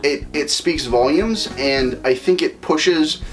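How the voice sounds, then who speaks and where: A man's voice: a little high, takes it slowly, over music, poor audio. Man talking film, wordy and earnest. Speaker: film review show co-host. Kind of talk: casual film review chat.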